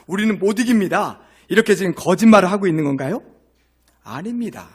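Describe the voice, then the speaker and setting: Male pastor from Korea, higher-pitched, measured sermon delivery with rhetorical questions. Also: expressive, breathy edge. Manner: slow, measured scripture reading, then explaining with questions to the congregation. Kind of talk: sermon with scripture reading. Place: church sanctuary.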